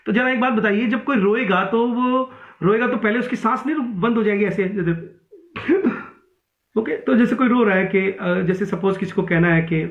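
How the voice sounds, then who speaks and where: ऊँची आवाज़ वाले पुरुष शिक्षक का व्याख्यान, गूंजती कमरे की टिनी recording. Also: male voice, sits high, fairly quick. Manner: mixes Hindi and English, many fillers and restarts. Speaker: English literature teacher. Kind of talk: online exam-prep lecture. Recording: tinny echoey room sound.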